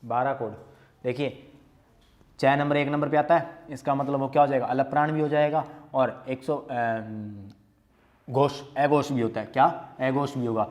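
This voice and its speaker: A young man teaching a grammar class in a level, mid-pitched voice. He asks a question, repeats it, then answers it himself, going back over the key terms as he works through a quiz. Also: fairly even intonation, normal speed, a little mellow. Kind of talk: Hindi grammar lesson, solving quiz questions.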